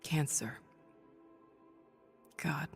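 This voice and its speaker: An actress playing Jane Foster, a wry, confident scientist turned thunder hero, in video game dialogue with dry understatement. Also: female voice, drawn-out words, soft background music. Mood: distraught, subdued.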